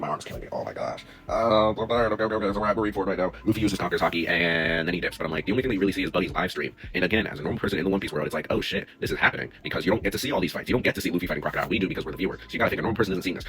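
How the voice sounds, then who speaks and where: A man's voice: low-pitched, sharp tone. A young man rambling casually in slang about an anime, talking into a phone he holds, with the clip sped up to double speed. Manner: slangy, rambling, self-interrupting. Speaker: anime commentary vlogger. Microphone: phone held in hand.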